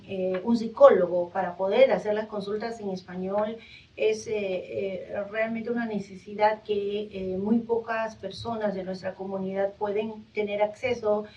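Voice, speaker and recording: A woman hosts a live radio interview, mid-pitched and hesitant, often stretching fillers as she gathers her thoughts. She sits a little back from the microphone, and the studio recording sounds muffled and lo-fi. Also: mellow. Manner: hesitant, many drawn-out fillers. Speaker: radio host. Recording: dull, distant radio recording.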